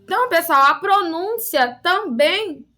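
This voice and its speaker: A woman's voice: very high-pitched, lively intonation, a little slow, bright, forceful tone. A woman teacher from Rio de Janeiro, with a Rio accent, patiently explaining a lesson to children in a recorded online class and often checking in with short tag questions. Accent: Rio de Janeiro Portuguese. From Rio de Janeiro, Brazil.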